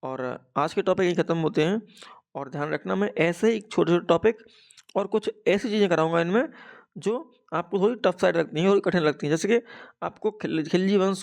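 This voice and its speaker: Gravelly-voiced man drilling exam facts. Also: sits high, darkish tone. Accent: Hindi. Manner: repeats each fact twice, dictation-like. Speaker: exam coaching teacher. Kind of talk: rote exam-prep lesson.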